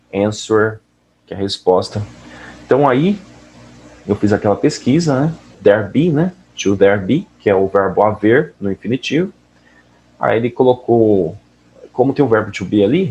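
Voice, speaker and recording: A man with a fairly low voice gives a casual lesson on listening practice. He talks in a relaxed way and keeps checking in with his listeners. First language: Portuguese. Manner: relaxed, often asks "ok?" and "né?". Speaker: English teacher.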